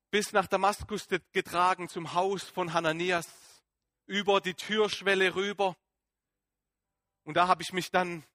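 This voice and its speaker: A man's voice: sits high, no room sound, studio quality. A man acting Paulus, fervent and shaken. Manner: emotional and halting, swinging between excited outbursts and hushed awe. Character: Apostle Paul as a man, shaken and fervent, recounting his conversion. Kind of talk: dramatic first-person sermon monologue.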